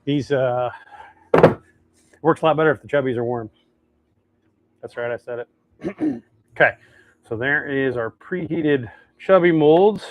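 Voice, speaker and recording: On his fishing lure making livestream, an American host talks to viewers in a folksy, easygoing way, thinking aloud as he works through a casual live demonstration. His voice sits at medium pitch and moves unhurriedly, with long pauses. The recording is dry and the audio sounds dull.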